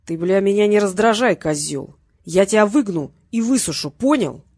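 A reader voicing a crude, threatening male thug who talks in rough slang, a little louder and higher than the narration. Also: lively intonation, moderate pace, dry recording, clean studio sound. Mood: menacing. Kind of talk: audiobook character voice.

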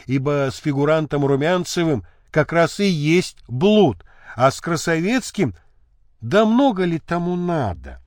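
A man narrating an audiobook with expressive storytelling, close to the mic. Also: fairly high pitch, dry recording.

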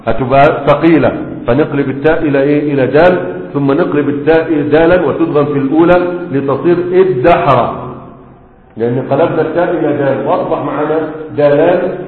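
A man's voice: on the high side, brisk. A man with an Egyptian accent teaching Arabic morphology as a sheikh, drilling students with repeated questions and then answering himself. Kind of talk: classroom explanation. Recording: echoey hall on a tinny line.

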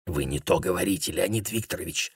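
A man voicing a wry second male delegate who speaks in a hushed voice. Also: low voice, a little fast, slightly rough, no room sound, clean studio sound, full character voice.

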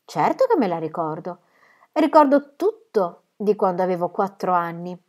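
Earnest hesitant middle-aged spinster aunt, lively rising voice, storybook reading, read by a woman. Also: lowish voice, moderate pace, lightly acted. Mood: eager.

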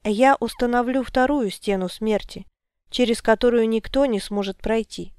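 A woman reading the lines of a calm, resolute male wizard in an audiobook, with a firm, declaring manner. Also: fairly high pitch, moderate pace, clear, resonant tone, no echo, clean studio sound, lightly acted. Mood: solemn.

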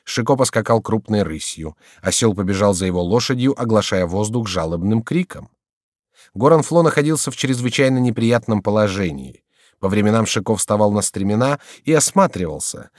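A man narrating an audiobook in an expressive, scripted reading. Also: on the low side, brisk, dry recording, studio quality.

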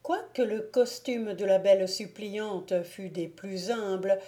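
A woman narrating a classic novel as an audiobook reader, in a measured storytelling manner. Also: mid-range voice, fairly even intonation, mellow.

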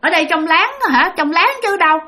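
A woman's voice: very high-pitched, brisk, pushed and bright, pitched above the performer's own voice. A woman with a Southern Vietnamese accent voicing older male workers who scold and question a possessed woman. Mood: stern coaxing.

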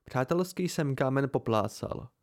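A man's voice: medium pitch, animated. Man reading an amateur audiobook. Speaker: audiobook reader.

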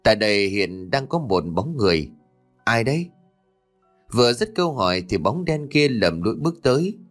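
A man narrating a ghost story in a lively storytelling voice and playing each character himself, with faint music behind him. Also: lowish voice, a little fast. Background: soft background music.

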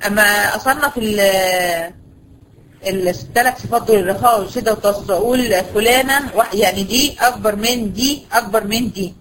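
Brisk Egyptian woman teaching tajweed. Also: medium pitch, a bit bright, a little hiss or hum, poor audio. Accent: Egyptian Arabic. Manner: brisk, asks students questions and answers them herself; slows to stretch out example words. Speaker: Quran recitation teacher. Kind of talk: online tajweed lesson to female students.

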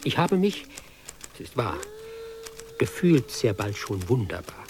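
A cheeky hapless army recruit. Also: male voice, mid-range voice, very animated, measured pace, slight background noise. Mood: sardonic. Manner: ironic, sing-song rhyming delivery. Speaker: radio play performer. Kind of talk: rhymed narrative recitation.

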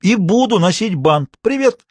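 A man's voice: high-pitched, lively intonation, a little slow, a little mellow, slightly rough, no echo, voice pushed up, full character voice. Man reading as an ironic teen dandy. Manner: ironic, defiant. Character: ironic teenage male dandy, self-assured.

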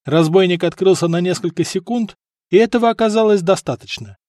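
Male audiobook narrator, lively and dramatic, higher voice, dry close studio sound. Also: fairly quick, no echo. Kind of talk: scripted narration.

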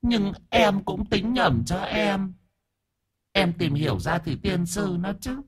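A whiny camp ghost. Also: male voice, high-pitched, slow, breathy edge, voice pushed up, exaggerated voice. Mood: whiny lament. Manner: whiny, pleading, sassy. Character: camp, sharp-tongued bald male ghost, tearful.

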